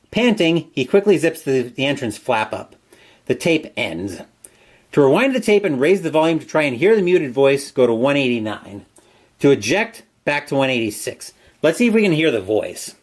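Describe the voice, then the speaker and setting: A man hosting a solo tabletop horror game, reading the gamebook aloud. His voice sits a bit high and swings widely in pitch as he builds tension. He breaks off into casual asides while rolling dice. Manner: dramatic narration, asides on dice rolls. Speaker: host playing a solo gamebook.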